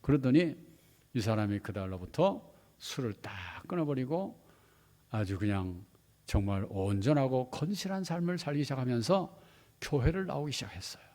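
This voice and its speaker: A male pastor preaching to his congregation, telling a story dramatically and swinging from hushed to loud. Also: medium pitch, sing-song, moderate pace, big-room sound. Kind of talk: sermon storytelling. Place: church hall.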